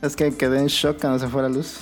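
Low-voiced woman panelist, casual and curious. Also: flat delivery, brisk, faint music behind. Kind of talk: casual chat.

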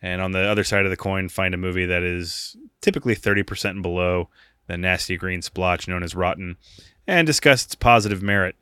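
Brisk and forceful, a low-voiced American man co-hosts a podcast with a bright, clean tone. He rambles and jokes casually, laughing frequently, in a dry studio-quality recording.

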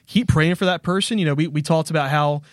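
A man co-hosting a faith podcast, talking quickly and loosely, sprinkling in fillers as he asks questions. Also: on the high side, no room sound, clean studio sound. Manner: quick, full of "you know" fillers, friendly questioning. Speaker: podcast co-host. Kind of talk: casual faith podcast chat.

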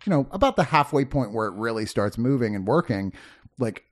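A man's voice: medium pitch, expressive, fairly quick. A man co-hosting a casual film review podcast, talking in a joking, profane way. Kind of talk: casual chat.

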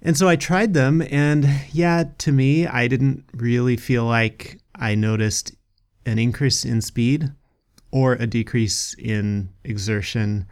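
A man's voice: mid-range voice, steady tone, slow pace, a little mellow, clear, resonant tone. Easygoing man co-hosting a hiking podcast. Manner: easygoing, chuckles often between remarks. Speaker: podcast co-host. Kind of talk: casual chat.

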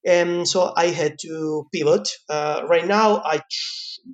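A man's voice: a little high, slow pace, dull audio. A man with an Italian accent, a guest in an interview, telling his story in a chatty way with many fillers and frequent laughs. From Italy. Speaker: guest, pizza teacher.

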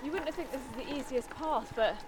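A woman's voice: high-pitched, fairly quick, a loud crowd. A woman hosting a podcast interview on an open hillside, chatty and appreciative, asking her guest questions. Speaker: podcast host. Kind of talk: casual outdoor interview.

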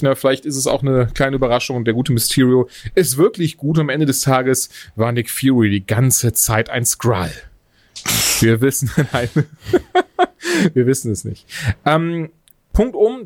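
A man with a fairly high voice talks in a loose, casual podcast chat. He is animated and digressive, wandering into quick asides. The sound is close and dry, with no room around him. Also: dry recording. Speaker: podcast host reviewing films.

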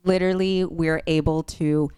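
Woman guest, physician assistant, low voice, dry sound, professional explainer. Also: steady tone, normal speed, dark tone, clear, resonant tone, dry recording. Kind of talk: interview answers.

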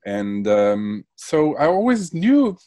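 Slow and warm, this man's fairly high voice swings widely in pitch as he hesitates and restarts often. He's a guest in a reflective interview, from Germany with Spanish as his first language, recorded dry with no echo.

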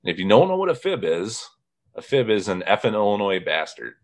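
A man's voice: lowish voice, very animated, a little fast. A man from northern Indiana hosting a casual chat, telling funny stories and quoting people as he goes. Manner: storytelling, quoting others with laughs. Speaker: podcast host.

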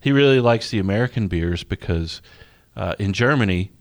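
A man's voice: fairly low pitch, expressive, moderate pace, vocal fry. A man who is an expert brewer, talking in casual chat, blunt and opinionated with dry jokes. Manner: opinionated, blunt, dryly joking.

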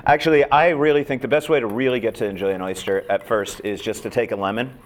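A man's voice: mid-range voice, fairly even intonation, fast talker. A man hosting a cooking segment, chatting easily and asking his guest questions. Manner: easygoing, chatty, asks questions. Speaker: host.

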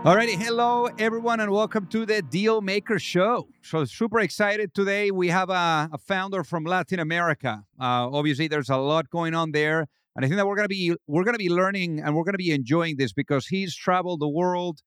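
A man's voice: sits high, a little fast, hardly any pauses, fairly bright tone, clear, resonant tone, dry recording, studio quality. A man hosting an interview podcast, reading an ad and welcoming his guest with upbeat enthusiasm. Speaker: podcast host.

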